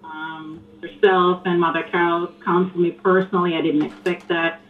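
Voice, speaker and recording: Soft-spoken woman caller on a phone line. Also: on the low side, level tone. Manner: soft-spoken, earnest, halting. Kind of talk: call-in phone conversation. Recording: tinny phone line with hiss.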